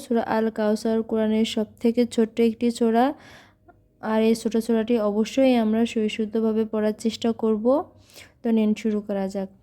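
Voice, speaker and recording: A woman teaching Quran recitation, who chants verses in long drawn-out tones and then patiently explains how to pronounce each sound, repeating phrases for learners. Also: on the high side, level tone, mellow.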